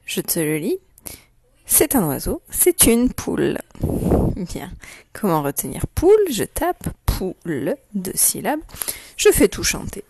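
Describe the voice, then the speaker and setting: A woman teacher giving a slow dictation lesson to young children, saying each syllable clearly and repeating it. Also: mid-range voice, wildly swooping pitch, darkish tone. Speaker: primary school teacher.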